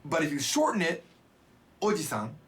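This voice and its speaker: A man teaching Japanese in a relaxed, casual way, full of joking asides. His voice sits a little high and swings widely up and down. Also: a little fast. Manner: playful, jokey asides. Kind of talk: casual spoken lesson.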